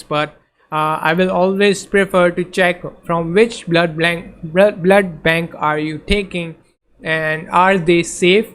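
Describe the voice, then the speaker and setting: With a slightly high, fairly bright voice, this male tutor, a native Urdu speaker, teaches casually over slides. He sounds hesitant, restarting often and leaning on many fillers.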